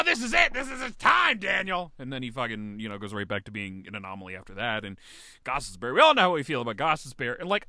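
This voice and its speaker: A man talking sports on a podcast, ranting with frustration and plenty of swearing. His voice is bright and sharp, his pitch swings a lot as he talks, and the sound is dry and close. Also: no room sound. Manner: frustrated, swearing, lively rants. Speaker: podcast co-host. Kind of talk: casual sports chat.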